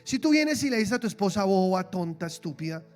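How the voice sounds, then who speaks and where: Sermón de un hombre con acento colombiano, voz alta y aguda, tono vivo y cómico, con música tenue detrás. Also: male voice, sits high, brisk, faint music behind. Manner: lively, humorous, acts out quoted voices. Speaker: pastor. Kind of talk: sermon. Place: church.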